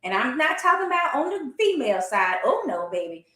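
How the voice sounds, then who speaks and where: A woman in an animated, casual sports discussion, speaking emphatically and colloquially with strong opinions. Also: high-pitched, a little fast. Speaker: boxing talk show commentator. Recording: roomy, echoey sound.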